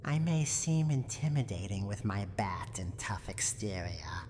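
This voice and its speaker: In a wistful, teasing roleplay ASMR monologue, a woman with a very deep, animated, slightly mellow voice plays a tough, guarded granny who is secretly lonely and tender. She speaks slowly and dramatically, with teasing bravado. The recording is noisy and has a long reverberant tail.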